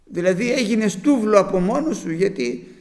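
A man's voice: high voice, lively intonation, darkish tone, big-room sound. A man preaching a sermon, quoting scripture emphatically and firing off rhetorical questions.

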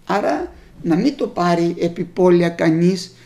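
Preacher, sermon delivery, rough gravelly texture, mid pitch; reads scripture then explains it to the congregation. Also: lively intonation, mellow. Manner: reads old scripture aloud and explains it plainly; speaks directly to the congregation as brothers. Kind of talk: sermon with Bible readings.

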